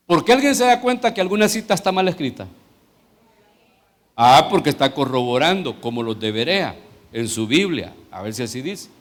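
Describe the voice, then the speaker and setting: A man's voice: on the high side, big pitch swings, normal speed. A middle-aged man with a Salvadoran Spanish accent, a pastor teaching a sermon in a conversational way that turns into fervent prayer.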